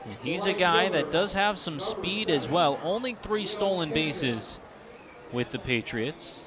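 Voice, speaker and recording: A man's voice: a little high, animated, a little slow. American baseball announcer, man, over crowd noise. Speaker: baseball radio play-by-play announcer. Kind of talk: live baseball play-by-play and sponsor reads. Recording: live ballpark broadcast, loud crowd noise. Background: crowd and outdoor ballpark ambience.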